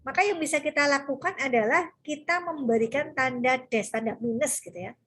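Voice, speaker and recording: A woman's voice: sits high, a little fast, fairly bright tone. A woman lecturer explaining sentence grammar to students, patient and repetitive, checking in often. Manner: patient, repeats key terms with frequent "ya" checks.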